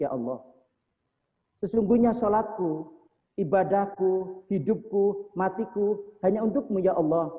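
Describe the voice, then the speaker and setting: Preacher, man, mosque sermon; chants prayer lines then explains them; thin phone-like sound. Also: high voice. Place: mosque hall. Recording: echoey mosque hall over tinny phone-like sound.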